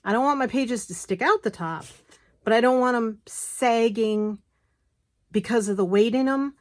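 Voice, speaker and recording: A crafter demonstrates bookbinding in a casual, hands-on tutorial, chatting, talking to herself as she works and adding apologetic asides. Her voice is a little high and moves at a normal speed, picked up by a phone camera close by.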